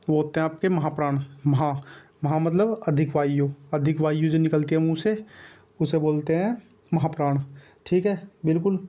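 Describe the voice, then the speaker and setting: Muffled, flat-voiced man teaching grammar. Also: a little high. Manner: repetitive, coaxing, drills sounds aloud. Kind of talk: exam-prep grammar lesson.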